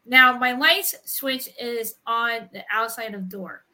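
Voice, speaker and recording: A woman podcast host in casual chat, telling stories in an animated, laughing way. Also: fairly high pitch, takes it slowly.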